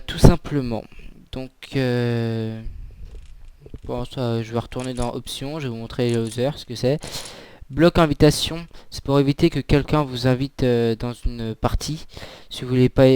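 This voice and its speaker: A young man giving a casual, halting tutorial on a shooter game while he plays, with many fillers. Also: mid-range voice, a little mellow, clean tone, dry recording. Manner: hesitant, many fillers, talks while playing. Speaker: gaming video creator. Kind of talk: casual gameplay tutorial commentary.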